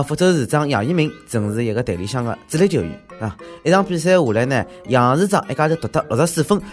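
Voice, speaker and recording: A man with a Shanghainese accent delivering exclamatory, mocking, slangy comic news commentary as a show host. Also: fairly high pitch.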